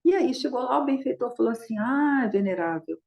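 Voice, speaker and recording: A woman's voice: sits high, quick pace, vocal fry, roomy sound, muffled recording. A woman dharma teacher retelling a Buddhist story in a conversational way, constantly adding short tag questions.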